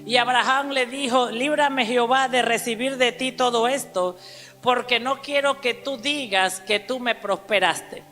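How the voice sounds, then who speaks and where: A woman preaching a sermon to a congregation, emphatic, calling out to the listeners and spelling out words slowly. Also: a little high, fairly even intonation, a bit bright. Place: church hall. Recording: church hall reverb with faint music.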